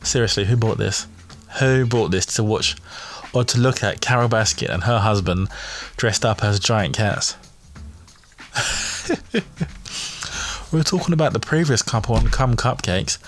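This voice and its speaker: A man's voice: on the low side, moderate pace. A man hosting a podcast, chatting in a cheeky, gossipy way and laughing at his own jokes. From England. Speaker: podcast host. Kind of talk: casual comedic commentary.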